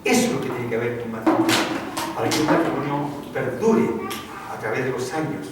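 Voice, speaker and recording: A man's voice: mid-range voice, lively intonation, fairly quick. A male pastor preaching a sermon in a dramatic style, acting out the voices he quotes. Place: church sanctuary. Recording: echoey church hall, distant mic, audible noise.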